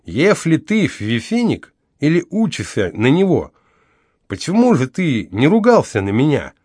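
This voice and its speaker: A man's voice: on the high side, wildly swooping pitch, a little slow, darkish tone, breathy edge, no room sound, voice pushed up, exaggerated voice. A young battered woman with a thick lisp from her missing front teeth, as a male narrator puts her on, speaking bitterly and bluntly. Her voice sits well above the reader's own. The reading is close and dry, with no room sound. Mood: earnest blunt.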